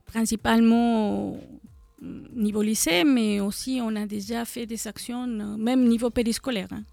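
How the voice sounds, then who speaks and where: In a live radio studio interview, a middle-aged Mexican association co-founder speaks at normal speed with a Mexican Spanish accent, hesitating and using many fillers. Her voice is a little high, creaky and darkish, with a steady tone, and the recording has no room sound.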